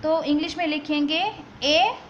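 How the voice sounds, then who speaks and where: A woman teaches a vocabulary lesson at an unhurried pace, spelling each word out letter by letter. Her voice sits high. The recording sounds a little dull, with faint noise underneath. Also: level tone. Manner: slow, patient, spells words letter by letter.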